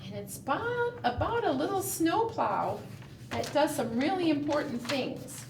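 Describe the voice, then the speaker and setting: Her voice is high, creaky and very animated as she leads preschoolers through a story and fingerplay at a measured pace, singing her lines and quizzing the children often. It sounds roomy and distant, with faint noise behind.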